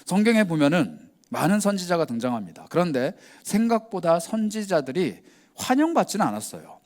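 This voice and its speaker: A man preaching to young people with a higher voice and a wide, bouncing pitch that rises and falls. He tells the story in a casual, conversational way. He acts out the lines he quotes in small voices of their own. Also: a little mellow. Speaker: pastor. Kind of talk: youth worship sermon.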